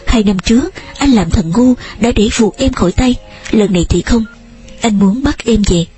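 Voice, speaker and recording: A woman's voice: a little high, expressive, normal speed, dark tone, soft background music, lightly acted. A woman voicing a passionate young man who pleads urgently with the woman he lost. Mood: pleading.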